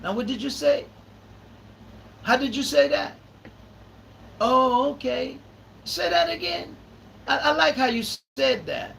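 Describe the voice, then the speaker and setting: A man in his thirties hosts a live podcast in loose, conversational talk. His voice sits unusually high and bright, and he drives points home by repeating phrases. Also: slow, creaky, pauses often, a little hiss or hum, low-quality recording. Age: 30s. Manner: emphatic, repeats phrases for stress. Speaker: podcast host.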